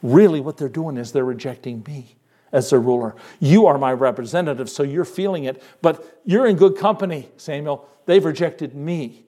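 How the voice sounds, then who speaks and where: A male preacher voicing God as a gentle, consoling figure speaking softly to a prophet. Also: fairly high pitch, normal speed, natural voice.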